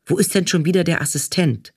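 A man's voice: a little high, a little fast, breathy edge, no room sound, studio quality. A man doing a bossy, impatient female casting manager. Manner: snapping, barking orders. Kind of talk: audiobook character voice.

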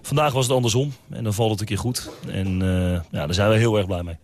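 A man, a football coach, answering questions after a match in a measured, reflective way with hesitations. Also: on the low side, darkish tone. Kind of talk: post-match interview.

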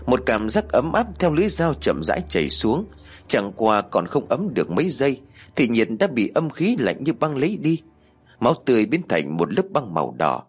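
A man narrating a serialized audiobook in a steady storytelling manner. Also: mid-range voice, normal speed, slightly rough, faint music behind.

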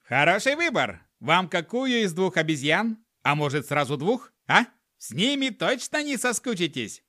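A man's voice: a little high, very animated, brisk, a bit bright, pitched above the performer's own voice. A man voicing a sly, cheerful zoo owner who looks like a pirate, in an audiobook. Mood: jovial.

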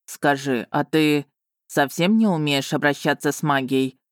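A woman's voice: low-pitched, fairly even intonation, normal speed, no room sound, clean studio sound, natural voice. A woman reading an audiobook voices a stern, commanding male dragon with a curt, clipped manner. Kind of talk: audiobook character voicing.

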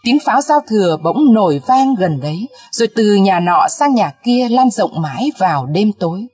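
A woman narrating a story in a slow, somber reading voice. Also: mid-range voice, lively intonation, a little mellow, slightly rough, no echo, studio quality, soft background music.

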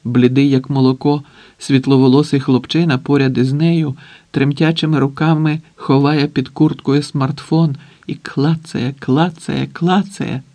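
A man reads a tense story aloud at an unhurried, deliberate pace, letting long pauses hang between phrases. His voice sits at a medium pitch, and the recording is close and dry. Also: steady tone, dark tone, no room sound. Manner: measured, with long dramatic pauses. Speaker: audiobook narrator. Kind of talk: scripted dramatic narration.

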